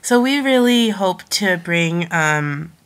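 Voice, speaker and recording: Young female podcast host, nasal whine from a head cold, unhurried and low, casual and hesitant. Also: lively intonation. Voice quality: nasal, congested. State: congested from a cold.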